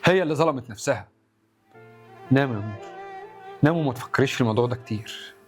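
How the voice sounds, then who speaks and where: A man's voice: mid-range voice, animated, faint music behind, close to an everyday voice. Man playing a curt Egyptian husband. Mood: tender. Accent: Egyptian Arabic. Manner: rapid, curt and defensive. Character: husband Rami, defensive, blunt young man. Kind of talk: comedy sketch acting.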